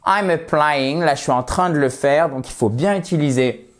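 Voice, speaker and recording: A man teaching a video lesson in a chatty, friendly way, with playful asides, slowing down to stress words. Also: a little high. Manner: slows down and stresses words to show how they are said. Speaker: language teacher.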